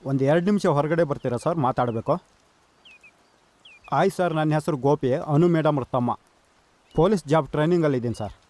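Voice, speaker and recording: A man's voice: fairly high pitch, fast talker, long pauses, a little mellow, close to an everyday voice. A man playing a polite young police trainee who asks questions respectfully. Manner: polite, deferential. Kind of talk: low-budget film acting.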